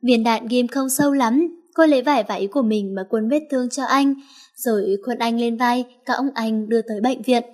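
A woman narrating a romance story in a steady, even reading voice. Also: on the high side, moderate pace.

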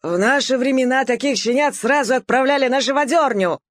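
A woman's voice: high voice, a little fast, no echo, studio quality, lightly acted. Woman doing a grumbling old poodle. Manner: grumbling, hoarse growl.

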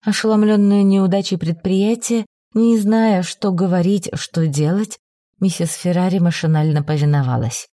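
Mellow-voiced woman narrating a novel. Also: on the low side, no echo, studio quality. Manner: measured, expressive reading. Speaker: audiobook narrator.

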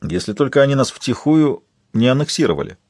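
Quiet, dry-spoken detective with a husky voice, read by a man, audiobook figure. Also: medium pitch, animated, fairly quick, dry recording. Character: calm, weary male detective.

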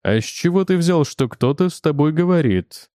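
A man voicing a stern, mocking inner voice that urges a troubled man toward violence, speaking low and slow. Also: expressive, mellow, no room sound, studio quality, lightly acted. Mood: insistent. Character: stern menacing inner voice, male, urging violence.

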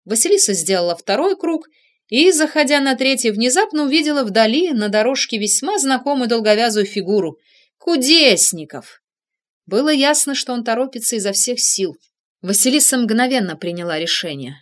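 A woman narrating a humorous novel as an audiobook, lively and expressive. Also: a little high, moderate pace.

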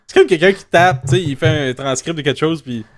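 A man's voice: fairly high pitch, moderate pace, fairly bright tone, no echo, studio quality. A young man with a Quebec French accent chatting casually on a podcast, rambling and swearing casually, often putting himself down. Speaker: podcast co-host. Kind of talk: casual chat.

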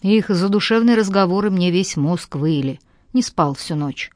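A drowsy, mumbling young man spinning lazy lies over the phone, as a woman reader puts him on. His voice sits low and dark for her, close and dry with no room sound. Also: animated, moderate pace, no echo, lightly acted. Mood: sleepy lying. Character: tired hungover young man, evasive liar.

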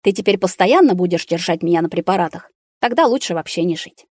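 A woman voicing a bitter, angry young man confined to a hospital ward, speaking sharply and at times shouting. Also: lowish voice, animated, quick pace, breathy edge, no echo, studio quality.

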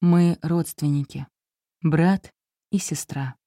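A woman reading an audiobook, voicing a troubled young husband who speaks quietly and gently. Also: low-pitched, fairly even intonation, slow pace, dry recording, clean studio sound. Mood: somber.

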